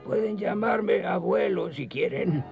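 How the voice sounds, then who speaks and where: Creaky, animated ancient grandpa Smurf. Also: male voice, high-pitched, slow, dull audio, over loud music, heavily acted. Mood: jovial. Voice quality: creaky, elderly. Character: ancient bearded grandpa Smurf, kindly, evasive, spry. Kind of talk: dubbed children's cartoon acting.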